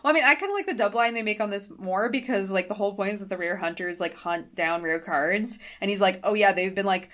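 A woman's voice: mid-range voice, quick pace, few pauses, fairly bright tone. A woman co-hosting a podcast, recapping episodes in casual chat and acting out quoted lines with sudden bursts. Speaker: podcast co-host.

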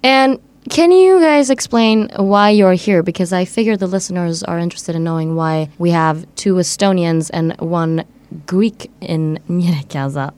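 A woman's voice: lowish voice, moderate pace, few pauses, a little mellow, no room sound. Woman radio host, dry studio sound. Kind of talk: casual radio hosting.

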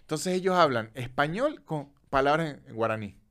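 Un hombre venezolano con acento venezolano, presentador de podcast, contando datos en charla informal y pausada a ratos. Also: male voice, fairly high pitch, expressive, fairly bright tone. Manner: chatty storyteller, slows down to list facts. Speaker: podcast host. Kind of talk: casual chat.

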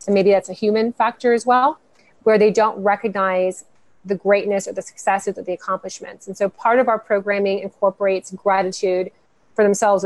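On a dry recording, the American guest of Cuban family, founder of a women's network, talks with a medium-pitched voice. She stays earnest and upbeat in this podcast interview, giving long flowing answers.

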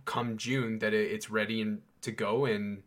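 A man's voice: on the low side, flat delivery, moderate pace. A young man hosting a podcast, chatting casually and enthusiastically, with many fillers and restarts. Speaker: podcast host. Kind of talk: casual chat.

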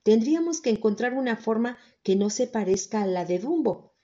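Lady doing a formal cricket teacher in a storybook, mellow and teacherly, lo-fi sound. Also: a little high, animated, normal speed, natural voice.

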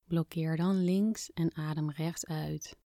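A woman speaking softly and gently as a podcast host guiding a calming breathing exercise, with phrase endings that fade toward a whisper. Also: sits low, takes it slowly, dry recording, clean studio sound. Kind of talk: soft, soothing guided relaxation narration.

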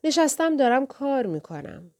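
A woman's voice: sits high, big pitch swings, darkish tone, voice pushed up. A woman voicing a distant man on the phone who answers in a guarded, curt way. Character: distant, cool man brushing off a caller.

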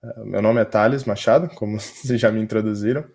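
A man with a Brazilian Portuguese accent, a software developer chatting casually as a podcast guest. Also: lowish voice, steady tone, a little fast, creaky. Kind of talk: casual conversational interview answers.

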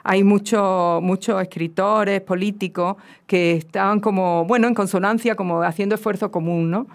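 A woman's voice: medium pitch, steady tone, normal speed. A woman with a southern Spanish accent, a guest expert explaining at length in casual chat with frequent restarts. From southern Spain. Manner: lecturing, many restarts and fillers.

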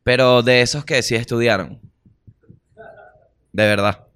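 A man with a Venezuelan accent hosting a casual comedy podcast, animated, slangy and profane. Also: mid-range voice, a little slow, clean tone. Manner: animated, slangy and profane, acts out little voices. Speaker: podcast host.

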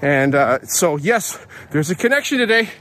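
A man's voice: on the high side, sing-song, moderate pace, a bit bright. A man recording a casual audio diary outdoors, a podcast host talking in a chatty, rambling way and correcting himself as he goes. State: out of breath. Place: outdoors on a hill at dawn.

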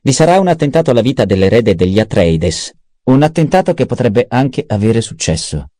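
A man's voice: medium pitch, sing-song, fairly quick, mellow, no echo, clean studio sound, voice pushed up, close to an everyday voice. A man voicing a cunning, self-satisfied male adviser in an audiobook, eager and precise. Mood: scheming. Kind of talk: audiobook character voice.

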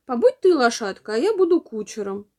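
A woman voicing a jealous little girl who bosses and taunts in a children's storybook. She sounds commanding, with a high, lively voice. The tone is mellow. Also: fairly quick. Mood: bossy. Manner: bossy, sharp-tongued. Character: envious bossy young girl.

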